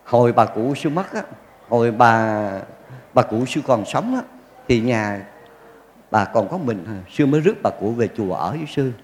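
Monk giving a dharma talk, chatty storyteller, bouncy pitch, echoey hall. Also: male voice, animated, moderate pace, slight background noise. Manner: folksy storytelling with jokes and acted quotes. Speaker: Buddhist monk. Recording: long hall reverb.

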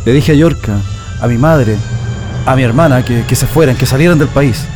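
An actor with a Chilean accent plays a defiant male political prisoner under a dictatorship in a radio drama, a man grieving and organizing resistance. His mid-range voice moves at normal speed, lightly acted, earnest and emphatic, with a resolute, confiding mood. A music bed runs under the voice.

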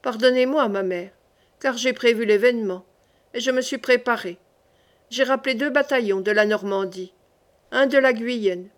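A woman's voice: fairly high pitch, normal speed, lightly acted. A woman reading as a rash, boastful young king. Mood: confident.

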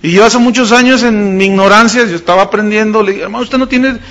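A middle-aged pastor preaches in church to a live congregation, his male voice pitched high. He reads scripture with slow, deliberate weight and keeps turning to the people with rhetorical questions. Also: a bit bright.

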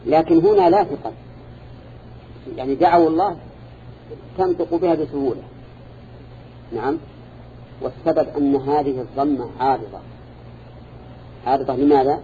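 Male teacher, deep mellow tone, measured classroom delivery, muffled lo-fi recording. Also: a little hiss or hum. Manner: measured, quizzes listeners with repeated "ha?" and "na'am". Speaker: teacher of Quran interpretation. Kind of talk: classroom lecture with questions to students. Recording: dull lo-fi recording.

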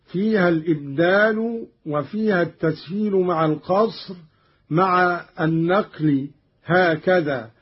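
A man giving a Quran recitation lesson, chanting verses slowly and melodically between plain explanations of the reading, from an old radio archive. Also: high-pitched, husky. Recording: dull lo-fi archive radio recording.

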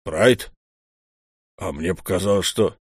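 A man's voice: low-pitched, slow, husky, no echo, heavily acted. Man doing a timid temple servant, hesitant mutter, storybook, dry close sound. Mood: timid doubt.

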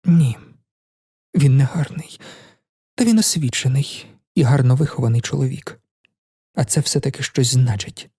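A man's voice: mid-range voice, normal speed, pauses often, mellow, breathy edge, no echo, clean studio sound. A man reading a novel aloud, voicing a proud, cold young woman in a raised voice with a cool, mocking manner.

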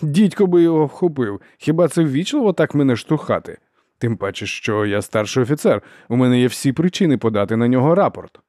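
A man's voice: mid-range voice, lively intonation, a little fast, hardly any pauses, darkish tone, no echo, studio quality, close to an everyday voice. A man voicing a haughty, hot-tempered young nobleman officer who sounds indignant and petulant.

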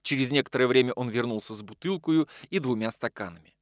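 A man narrating an audiobook in a measured, expressive reading. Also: medium pitch, dry recording, studio quality.

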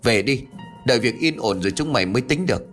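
A man's voice: mid-range voice, lively intonation, fast talker, fairly bright tone, soft background music, close to an everyday voice. A man voicing a worried old village man who talks brusquely and scolds the young ones in a ghost story. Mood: scolding.

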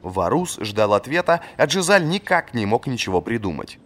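A man narrating a fantasy audiobook in a lively, expressive scripted reading. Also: mid-range voice, normal speed.

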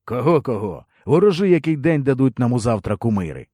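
A man's voice: mid-range voice, big pitch swings, fairly quick, mellow, husky, dry recording, clean studio sound. A man voicing a stern, commanding male grand prince who gives curt, barked orders.

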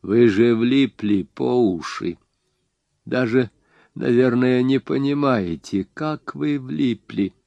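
A man voicing a shaken middle-aged crime boss, speaking slowly and gravely in an audiobook. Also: mid-range voice, warm tone, dry recording, dull audio, voice pushed up.

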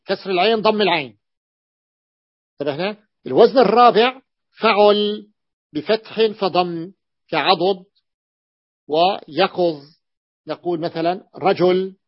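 A man teaching Arabic grammar in a classroom lecture, repeating each point patiently and checking that students follow. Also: sits high. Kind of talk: classroom lecture explaining a text. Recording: dull lo-fi recording.

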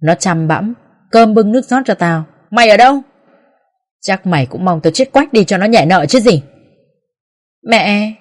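A woman's voice: medium pitch, lively intonation, a little slow, pauses often. A woman playing a scolding old mother-in-law. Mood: bitter reproach. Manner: harsh, contemptuous, shouting insults.

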